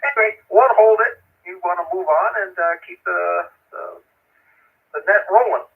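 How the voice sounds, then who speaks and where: Husky man over tinny radio. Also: high voice, moderate pace. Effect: amateur radio transmission. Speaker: amateur radio operator. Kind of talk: casual radio net talk. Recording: tinny narrowband ham radio signal.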